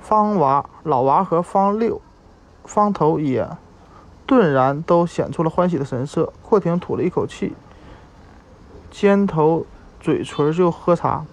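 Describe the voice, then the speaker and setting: A man reading a story aloud at a slow, measured pace, with occasional halting restarts. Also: fairly high pitch, lively intonation. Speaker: narrator.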